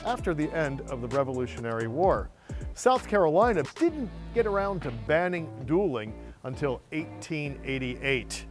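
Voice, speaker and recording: Lively storytelling tour guide, man. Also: a little high, normal speed, over music. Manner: storytelling, lively, playful asides. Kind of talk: on-camera walking tour presentation. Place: outdoors on historic city streets and alleys.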